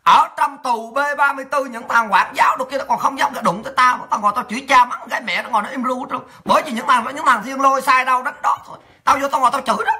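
A woman's voice: high voice, quick pace, few pauses, sharp tone, slightly rough. A woman delivering an angry, profane, taunting rant as a political vlogger. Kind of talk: ranting monologue.

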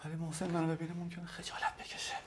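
Actor as a timid whispering boyfriend. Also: male voice, medium pitch, flat delivery, background noise, close to an everyday voice. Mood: hushed. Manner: hushed, half-whispered. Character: timid young boyfriend boasting of courage.

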